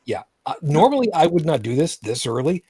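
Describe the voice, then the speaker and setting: A male main host with a slightly husky voice, recorded close and dry over an online setup. He rambles casually, restarting phrases and dropping dry sarcasm. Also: fairly high pitch, sing-song, brisk, warm tone, no room sound. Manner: rambling, filler-heavy, repeats and restarts phrases. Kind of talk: casual live vlogcast chat.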